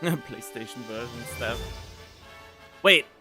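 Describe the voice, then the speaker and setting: A man with a mid-range voice speaks slowly while giving casual reaction commentary on game cutscenes, puzzled and thinking aloud. He uses a studio condenser microphone, with cutscene music in the background.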